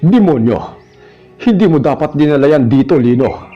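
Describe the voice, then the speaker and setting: A man voicing a fearful, stern old village priest who speaks gravely. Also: fairly low pitch, expressive, moderate pace, faint music behind. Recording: dull lo-fi recording.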